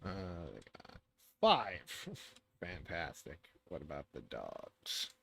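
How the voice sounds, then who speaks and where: Slow-paced, bright-voiced man as game master. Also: sits low, very animated, vocal fry. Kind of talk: running an online tabletop role-playing game.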